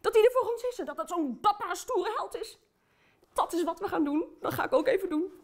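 A woman's voice: extremely high pitch, lively intonation, brisk. A woman playing a cheerful, chatty aunt who tells a Bible story to children and talks to them directly.

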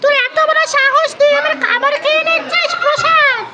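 Cheeky little girl, sing-song and scolding, played by a woman; very high, bright tone. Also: steady tone, a little fast, a faint crowd, a little hiss or hum.

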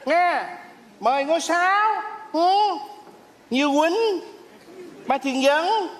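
A performer doing a brash, shrill stage mother. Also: lively intonation, extremely slow, exaggerated voice. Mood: pushy. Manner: brash and bossy, repeats herself insistently. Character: loud pushy middle-aged mother of the groom. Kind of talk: stage comedy sketch. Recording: echoey theater stage with audience.

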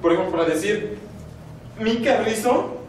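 A man's voice: high-pitched, expressive, moderate pace, slight background noise. A man teaching a language class, patiently explaining grammar step by step. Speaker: Nahuatl teacher. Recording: echoey room from far off.

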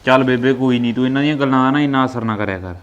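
A man playing a grown son who calmly explains how he got hurt. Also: medium pitch, rapid-fire, smooth, muffled recording, lightly acted. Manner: calm, explaining. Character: injured grown son, calm and patient.

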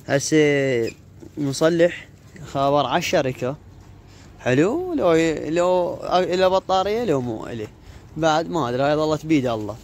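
A man's voice: fairly high pitch, expressive, normal speed, long pauses, darkish tone. A man with an Iraqi Arabic accent chatting informally into a phone as a vlogger, rambling and leaning on repeated filler phrases. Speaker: YouTuber, pigeon keeper. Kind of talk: casual chatty phone vlog. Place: outdoor pigeon yard with cages. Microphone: handheld phone. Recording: phone recording outdoors with birds cooing. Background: pigeons cooing, faint noise.

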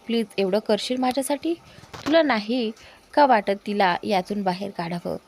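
A woman's voice: medium pitch, normal speed, a little mellow, natural voice. A woman doing an impatient young man. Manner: pushy, pleading. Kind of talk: storybook character voice.

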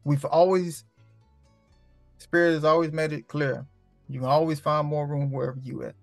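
Profane, gravelly spiritual podcast host. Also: male voice, on the high side, flat delivery, normal speed, no echo, soft background music. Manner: profane, street slang, rambling. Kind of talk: casual spiritual talk.

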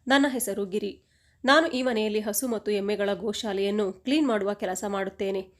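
A humble young village servant man speaks softly and courteously in a storybook, as a woman narrator reads his lines. His voice sits at a middle pitch and stays gentle and earnest. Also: close to an everyday voice.

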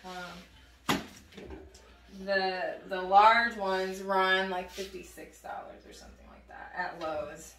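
A woman in her thirties chats casually while painting furniture in a tiled room at home, gushing and using lots of fillers as she explains how it's done. Her medium-pitched voice is steady, slow and a bit bright. The recording is noisy and echoey, with a distant mic.

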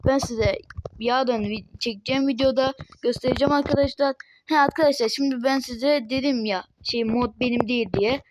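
A young woman from Turkey hosts a casual game mod walkthrough, rambling and filling gaps as she goes. Her voice sits fairly high. A faint hiss runs under the home recording. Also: steady tone, moderate pace. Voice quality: voice tone altered, may sound odd. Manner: rambling, says "arkadaşlar" constantly, many fillers. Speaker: gaming channel host. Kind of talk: casual mod showcase commentary.

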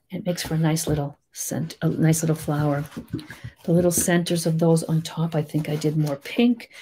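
A woman with a Boston accent giving a chatty, rambling step-by-step painting tutorial, full of gentle little asides. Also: deep voice, husky. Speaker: painting teacher.

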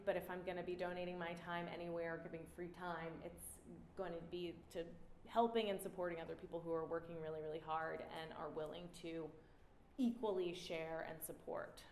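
An artist in her 30s gives a talk in an indoor gallery before an audience, showing her artwork on slides and speaking into a mic on a stand. Her low voice is relaxed and reflective, full of "um" pauses, and the roomy recording carries a faint hiss.

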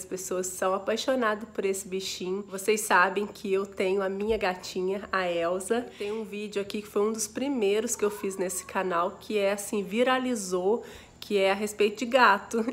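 A woman with a Brazilian Portuguese accent chatting casually to camera as a home vlogger, affectionate and full of exclamations. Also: medium pitch. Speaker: family vlogger. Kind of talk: casual vlog chat to camera. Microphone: phone video.

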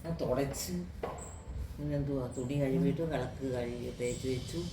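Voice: mid-range voice, fairly even intonation, moderate pace, distant mic. A family member at home recounting and complaining about the household chores they have done, in casual chat. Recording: echoey room, off-mic, noisy.

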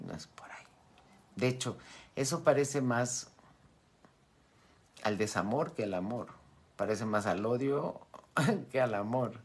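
Animated woman, slow delivery. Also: a bass voice. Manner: animated, acts out quoted voices, laughs often. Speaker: spiritual teacher. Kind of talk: live-streamed talk to followers.

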